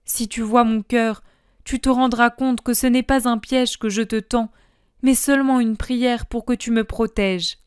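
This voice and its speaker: A woman's voice: fairly high pitch, fairly even intonation, unhurried, clean tone, dry recording, clean studio sound, close to an everyday voice. A woman voicing a terrified, remorseful man begging for mercy, in a raised, pleading voice. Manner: pleading and frantic.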